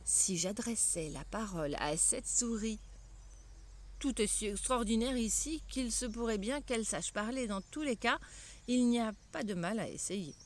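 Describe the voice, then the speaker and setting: An older woman voicing the polite, curious little girl Alice in a storybook reading, coaxing and gentle. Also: on the high side, lively intonation, normal speed, slight background noise, lightly acted. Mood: wondering.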